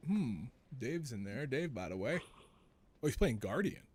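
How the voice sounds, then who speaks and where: A man's voice: mid-range voice, sing-song, a little slow, a little mellow, a little hiss or hum. Chatty male game streamer. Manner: chatty, repeats his own phrases. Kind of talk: casual live gameplay commentary.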